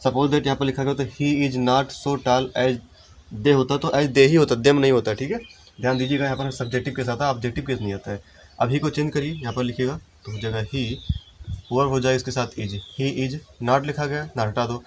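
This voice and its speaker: A man teaching English grammar in a lesson, explaining step by step and slowing down to dictate example sentences. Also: mid-range voice, steady tone, a little hiss or hum. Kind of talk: Hindi-language classroom lesson.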